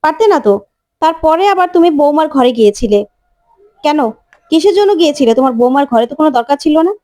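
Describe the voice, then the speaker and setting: Woman playing a stern old grandmother from a retold serial, accusing, high voice. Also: expressive, dark tone. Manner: accusing, rapid questions. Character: stern old grandmother scolding a daughter-in-law.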